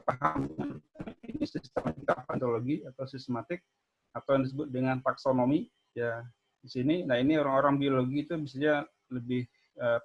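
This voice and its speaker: A man's voice: medium pitch, vocal fry, a little hiss or hum. A man giving an online university lecture in an explanatory way, often checking in with his listeners, over a bad connection where his voice keeps breaking up. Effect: choppy, breaking-up video call audio. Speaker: geology lecturer. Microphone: video call. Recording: dull lo-fi call audio.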